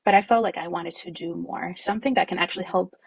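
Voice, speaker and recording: A woman who co-founded a nonprofit, originally from Jordan, answering interview questions in a reflective, conversational way with frequent fillers and soft laughs. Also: on the low side, quick pace, gravelly, husky, no room sound.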